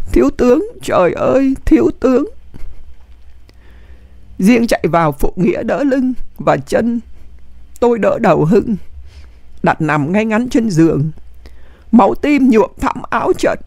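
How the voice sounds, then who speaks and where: Lively, emotive memoir reader. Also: mid-range voice, no room sound, clean studio sound. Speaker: audiobook reader. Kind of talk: dramatic memoir reading.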